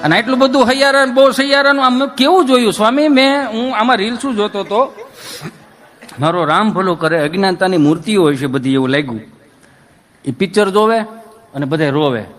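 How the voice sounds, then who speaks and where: A middle-aged folk comedian with a high, slightly bright voice performs comic dayro storytelling for an audience, telling tales while teasing and lecturing his listeners in a playful, preachy way.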